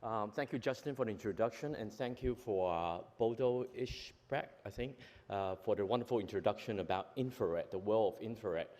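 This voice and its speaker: A man's voice: on the low side, normal speed, hardly any pauses, a little mellow. A man from Hong Kong giving a conference presentation, hesitant, with many fillers and self-corrections. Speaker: conference speaker, company executive. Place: large conference hall. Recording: long hall reverb from a conference venue.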